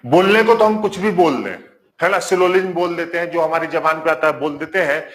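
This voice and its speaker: A man with a fairly high voice teaches a live online class. He says each point more than once and keeps asking the viewers to answer back. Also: a little fast. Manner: repeats points and quizzes the class; warm greetings to viewers. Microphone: marker on whiteboard.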